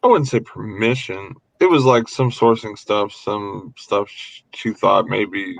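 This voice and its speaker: A man's voice: lowish voice, measured pace, vocal fry, no room sound, low-quality recording. A man hosting a casual live stream, talking in a laid-back, wry way. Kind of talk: casual chat.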